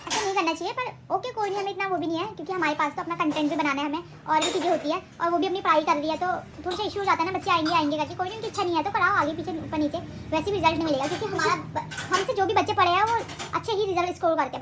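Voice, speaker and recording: Very high, fast-chattering young woman vlogger. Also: background noise. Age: young adult. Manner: rambling, chatty, self-correcting. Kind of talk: casual home vlog chat. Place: home. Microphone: handheld phone camera.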